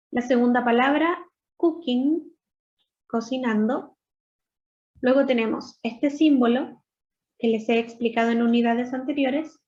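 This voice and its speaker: High-voiced woman teacher, muffled recording. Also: a little mellow. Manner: patient, step-by-step explaining, models English words slowly. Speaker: English teacher. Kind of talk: recorded online lesson explaining grammar and pronunciation. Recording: dull lo-fi voice recording.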